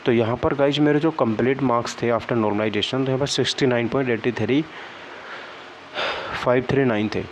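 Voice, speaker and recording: A young man with a mid-range voice speaks at a moderate pace, chatting casually to viewers as an exam-prep vlogger. He sounds downcast and disappointed while explaining things, often tossing in check-in tags like "okay, right." The recording is dull and lo-fi, with faint background noise.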